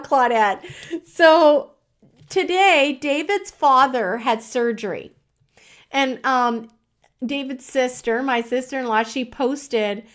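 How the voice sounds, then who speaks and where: A woman hosting a tarot livestream, chatting casually with viewers, excitable and giggly, on a computer mic. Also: high-pitched. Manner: excitable and giggly, with bursts of enthusiasm. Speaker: host of a tarot livestream show. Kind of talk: casual chat with live viewers.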